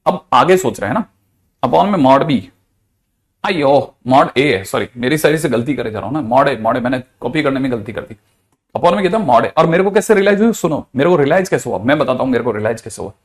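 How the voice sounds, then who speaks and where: A man's voice: mid-range voice, expressive, a little fast. A man, a physics teacher giving a chatty, playful lecture. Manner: chatty, playful, with mixed Hindi-English math terms.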